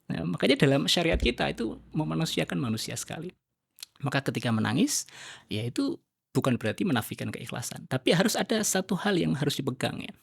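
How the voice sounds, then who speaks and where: A male religious teacher with a gravelly, husky voice talks through his ideas as a podcast guest. He explains in an animated way and often raises his voice. The sound is dry and close. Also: a little high, fairly quick, dry recording. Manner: animated, acts out quoted dialogue in a raised voice. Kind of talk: podcast conversation.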